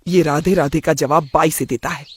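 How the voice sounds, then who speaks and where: A strict, traditional middle-aged father in a cartoon story, voiced by a man. He speaks in a stern, scolding way with a fairly high voice. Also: fairly even intonation, normal speed, husky. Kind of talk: cartoon voice acting.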